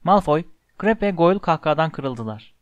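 A man narrating an audiobook in an expressive, measured storytelling manner. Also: fairly high pitch, no echo, dull audio.

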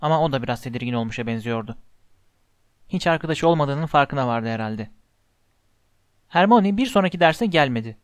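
A man narrating a storybook in an even, measured way. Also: mid-range voice, no echo, clean studio sound. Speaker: audiobook narrator.

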